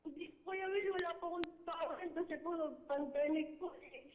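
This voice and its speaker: A woman's voice: very high voice, normal speed. Woman in her 30s, caller, polite and shy, phone line, long reverb. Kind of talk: phone call to a TV show. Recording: tinny phone line in a hall.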